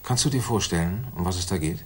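Playing a complacent senior government official in 1960s German radio theatre, the actor speaks in a formal, measured way. His male voice sits low and sounds slightly rough, with a grave, confidential mood.

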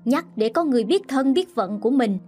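Woman doing a shrill, scornful sister-in-law. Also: lively intonation, a little fast, soft background music. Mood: scornful, scolding. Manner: loud, mocking and scolding.

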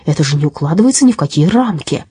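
A pompous but timid police sergeant from a children's audiobook, played by a woman narrator. He speaks in formal, officious phrases, with a slightly husky, animated voice. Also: low-pitched, quick pace, no echo, heavily acted.

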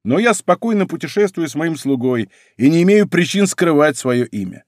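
A man's voice: fairly high pitch, big pitch swings, moderate pace, no echo, clean studio sound. A man putting on a brash Gascon musketeer. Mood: defiant. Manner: brash, defiant, commanding. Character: bold young Gascon musketeer lieutenant, proud and quick to threaten. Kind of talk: audiobook character voice.

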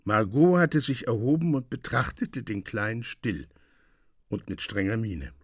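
A man narrating a classic short story as a radio reading, with lively, expressive delivery. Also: fairly low pitch, measured pace, breathy edge, dry recording, studio quality.

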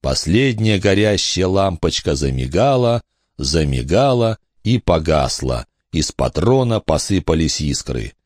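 A man's voice: sits low, sing-song, unhurried, darkish tone, dry recording, clean studio sound. A man reading a horror audiobook as narrator, telling the story expressively.

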